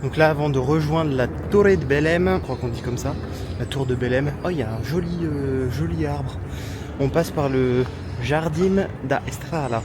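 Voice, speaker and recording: A man's voice: a little high, background noise. A man casually vlogging a city trip outdoors, chatty and hesitant, with lots of fillers and self-mocking asides. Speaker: travel vlogger. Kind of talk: casual travel vlog.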